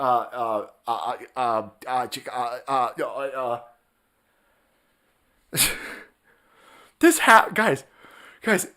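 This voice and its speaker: A man's voice: on the high side, fairly bright tone. Guy ranting on his stream, swears a ton, laughs, voice jumps all over. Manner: profane, mocking, laughs often. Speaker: live streamer. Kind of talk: ranting live-stream commentary.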